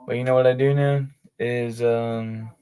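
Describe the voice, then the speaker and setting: A man's voice: mid-range voice, little pitch movement, measured pace, warm tone, slight background noise. A man streaming his tabletop game sessions, chatting casually in laid-back slang with many fillers. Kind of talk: casual livestream chat.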